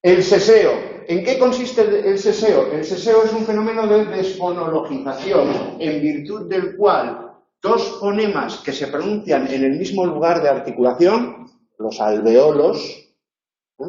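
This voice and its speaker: A man's voice: high voice, expressive, measured pace, mellow. A man with a northern Spain accent, a university tutor explaining phonetics and demonstrating sounds, often checking in with his listeners. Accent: northern Spain Spanish. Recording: roomy, dull lo-fi lecture recording.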